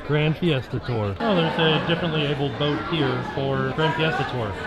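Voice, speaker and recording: A man's voice: on the high side, normal speed, very noisy. A man in his thirties giving casual vlog commentary into a camera held at arm's length. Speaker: vlogger, host. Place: busy theme park, mostly outdoors. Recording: busy crowd and loud background music.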